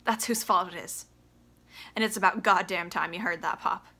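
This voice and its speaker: A young woman acts out a bitter, desperate son in a stage drama monologue, confronting his father. The delivery is emphatic and confrontational, with a bright, forceful edge. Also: steady tone, normal speed, vocal fry, full character voice. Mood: bitter, accusing. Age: young adult. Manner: emphatic, confrontational, swinging from low to shouting. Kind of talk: theatrical audition monologue. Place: small plain room indoors.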